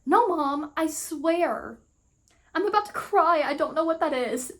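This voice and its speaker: A frightened teenage girl, pleading and anxious, her voice pitched high and pushed a little loud, as a woman reads her part aloud. She sounds alone and close to tears. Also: lively intonation, measured pace. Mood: scared.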